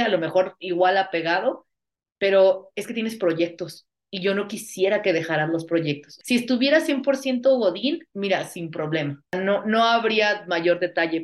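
Mexican woman, podcast co-host, reflective and advising, mid-range voice. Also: mid-range voice. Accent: Mexican Spanish. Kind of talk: casual podcast chat.

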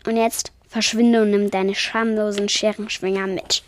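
A woman's voice: mid-range voice, flat delivery, normal speed, no echo, natural voice. A woman voicing a loyal, protective male vampire who speaks firmly and with determination, in a storybook reading. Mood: determined. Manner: firm, determined.

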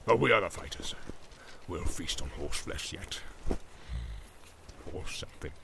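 Man putting on a gravelly orc captain. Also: low-pitched, expressive, unhurried, heavy background noise, pitched below the performer's own voice, full character voice. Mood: scornful. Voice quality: gravelly, barking. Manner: shouting orders, mocking laughter. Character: brutal male orc captain, bullying and boastful.

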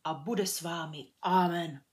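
A woman voicing a stern, impatient male sultan who gives loud commands in a children's storybook reading. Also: lowish voice, close to an everyday voice.

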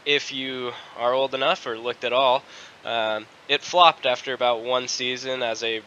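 A man's voice: medium pitch, highs cut off, a little hiss or hum. A man co-hosting a casual sports podcast, nasal and congested from a cold, talking with lots of ums. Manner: relaxed, filler-heavy delivery. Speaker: podcast co-host.

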